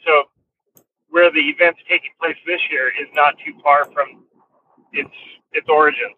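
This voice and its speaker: A male interview guest talks casually over a phone from a car. His high voice sounds distant and thin, squeezed by the narrow phone band. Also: flat delivery, normal speed. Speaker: interview guest, racing driver. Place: inside a car. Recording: muffled phone call from a moving car.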